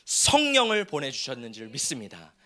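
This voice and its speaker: A man's voice: medium pitch, huge pitch swings, moderate pace, bright, forceful tone. A man preaching a sermon as pastor, asking the congregation questions as he goes.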